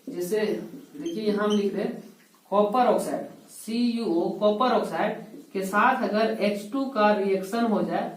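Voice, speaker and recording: Woman, chemistry teacher, step-by-step explaining, rhetorical questions, higher voice, echoey room. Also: a little mellow. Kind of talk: whiteboard chemistry lesson. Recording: echoey room, voice heard from a distance.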